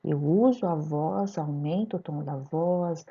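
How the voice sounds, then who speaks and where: A woman's voice: low voice, slow, mellow, breathy edge. A woman teacher with a Brazilian Portuguese accent narrating a recorded lesson, putting questions straight to her students. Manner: didactic, addresses students directly with questions. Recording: dull lo-fi voice-over recording.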